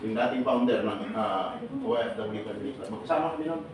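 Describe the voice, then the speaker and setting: A man's voice: lowish voice, animated, brisk, recorded from a distance, slight background noise. A man speaking to a live audience, exhorting them with rhetorical questions and jokes. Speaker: seminar speaker and radio broadcaster. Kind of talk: lively speech to a live audience. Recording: echoey hall, voice off-mic.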